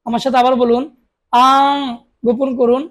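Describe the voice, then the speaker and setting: A woman teaches Quran reading in a flat, high-sitting voice, slowly drawing out each Arabic syllable and asking listeners to repeat after her. She adds brief explanations of the rules.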